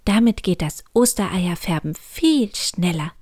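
A woman voicing a tiny, friendly female elf in a children's story, speaking high and soft. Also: lively intonation, measured pace, no echo, clean studio sound.

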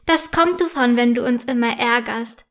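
A woman's voice: fairly high pitch, normal speed, lightly acted. A woman voicing a demanding young schoolgirl in a children's storybook reading. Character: bossy, outspoken young schoolgirl.

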